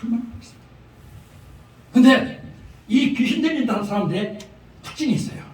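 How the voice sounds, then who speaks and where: A pastor delivers a revival sermon in a very high, expressive voice with a darkish tone, moving briskly through humorous stories full of chuckles and emphatic repetition. A faint hiss or hum is present, and he is captured from far off in an echoey prayer-house hall.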